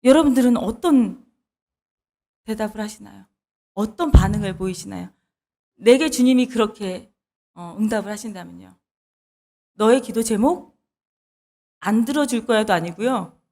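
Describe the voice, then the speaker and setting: A woman preaching a midweek church sermon, earnest and expressive, who acts out pleading prayers as she teaches. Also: medium pitch, moderate pace, long pauses.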